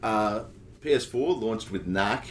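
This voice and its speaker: Man, lowish voice, animated and profane podcast co-host. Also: slow pace, a little hiss or hum. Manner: animated, swears freely. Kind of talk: casual gaming podcast chat.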